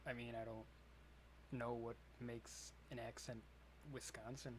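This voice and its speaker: A young man co-hosting a podcast in casual chat, giving dry, low-key replies. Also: little pitch movement, unhurried, slight background noise. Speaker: podcast co-host.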